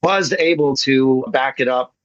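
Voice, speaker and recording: An American man speaks at a measured pace in a mid-range voice, casually and enthusiastically presenting his play to an online meeting. His manner is jokey. The recording is dry, with muffled, lo-fi meeting audio.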